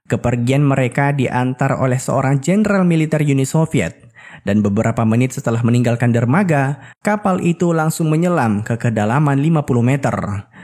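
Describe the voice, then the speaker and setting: A male film recap narrator with a mid-pitched voice. He tells the story in scripted narration, dropping in casual asides. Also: a little mellow.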